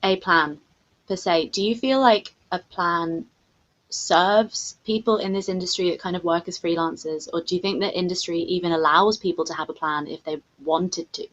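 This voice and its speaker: A woman's voice: lowish voice, moderate pace, dull audio. A woman, interviewing in a conversational style. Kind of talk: conversational interview with listening murmurs.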